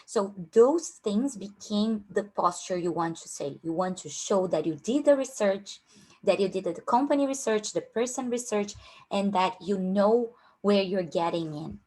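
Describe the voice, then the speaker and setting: A young career coach whose first language is Portuguese leads a casual workshop with a Brazilian Portuguese accent. Her mid-range voice is warm and animated and unhurried, and her informal talk is full of fillers and restarts.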